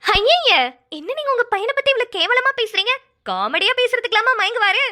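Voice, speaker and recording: A woman voicing a sharp-tongued cartoon mother who teases and mocks while guarding her daughter. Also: very high voice, very animated, a little fast, voice pushed up, heavily acted. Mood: mocking. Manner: teasing, sarcastic.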